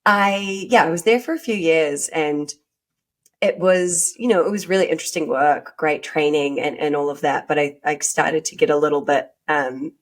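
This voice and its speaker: A New Zealand woman with a Kiwi accent and a low-pitched voice speaks at normal speed as a podcast guest. She's conversational, informal and hedging throughout the interview.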